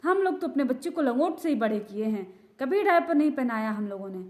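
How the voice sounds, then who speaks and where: A woman's voice: high voice, animated, brisk, a little mellow. A woman voicing a chatty older grandmother who lectures a young mother with old home remedies. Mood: lecturing. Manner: chatty, lecturing, full of advice.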